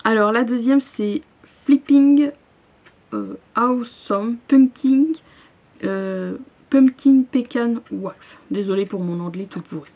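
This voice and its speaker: A young woman opening a parcel in her bedroom, gushing with excitement and often restarting her sentences. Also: a little high, takes it slowly. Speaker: vlogger. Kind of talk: unboxing vlog. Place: bedroom, at home. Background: paper crinkling.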